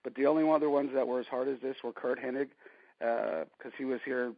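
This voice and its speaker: Fast-talking man in his forties, rambling. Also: medium pitch, fairly even intonation, creaky, dry recording. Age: 40s. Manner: rambling storyteller, many "you know" fillers. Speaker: interview guest. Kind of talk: casual phone interview. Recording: dry, dull lo-fi line.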